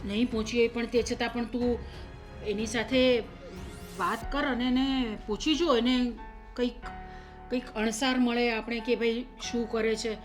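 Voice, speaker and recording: An actress voicing a middle-aged mother-in-law who keeps pressing and listing grievances. Her voice sits a little high and firm. A soft score plays under the scene of this family drama. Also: steady tone, unhurried, close to an everyday voice. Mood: stern. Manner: accusing, insistent, lists sums and grievances. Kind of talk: short-film drama acting. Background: soft background music.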